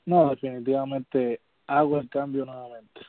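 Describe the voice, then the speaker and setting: Calm man on a tinny phone line. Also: medium pitch, normal speed, dry recording. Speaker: sports podcast co-host. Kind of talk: casual sports talk.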